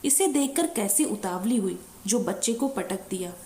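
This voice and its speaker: A woman voicing an angry older mother-in-law in a devotional story, shouting in alarm. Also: animated, normal speed, echoey room, a little hiss or hum, natural voice. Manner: shrill shouting.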